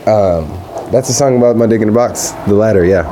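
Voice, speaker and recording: A young man talking casually and profanely on his podcast while high, rambling from one thought to the next. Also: background noise. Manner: rambling, profane, laid-back. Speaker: podcast host. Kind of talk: casual stoned podcast monologue. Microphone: podcast microphone.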